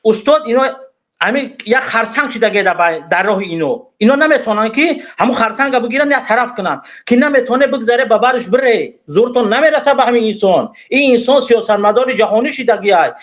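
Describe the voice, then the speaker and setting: A man's voice: extremely high pitch, fairly bright tone. A man calling into a talk show who speaks in an agitated, insistent way. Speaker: caller. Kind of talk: phone-in talk. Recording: muffled phone line.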